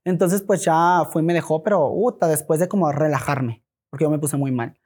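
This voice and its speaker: A man with a Mexican accent and a slightly high, husky voice talks briskly as a podcast guest, telling a story in casual conversation. He is animated, swears freely, and acts out the quoted dialogue.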